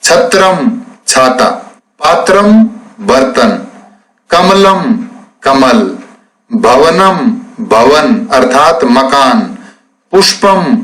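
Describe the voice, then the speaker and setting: A man teaching a classroom lesson, explaining textbook exercises slowly and spelling out words syllable by syllable. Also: fairly high pitch, fairly bright tone, poor audio.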